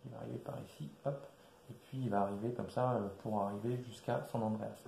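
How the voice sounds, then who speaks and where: A man casually walking through a board game's rules, with many fillers and restarts, recorded quietly in an echoey room. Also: steady tone, fast, gravelly. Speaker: board game presenter. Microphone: quiet distant mic. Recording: echoey room, low level.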